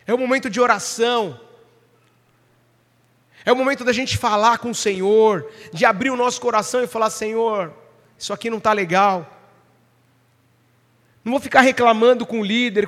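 A man preaches with a high, ringing voice, pressing his points and throwing questions out to the congregation. His words carry a long reverb, as if spoken in a large hall. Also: fairly bright tone. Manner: emphatic, asks the congregation questions. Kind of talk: sermon.

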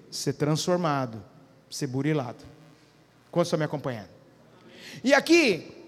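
A man's voice: very high voice, long reverb tail. A male pastor preaching a sermon, often asking the congregation questions and waiting for their answers. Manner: preaching with frequent call-and-response questions to the congregation. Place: church.

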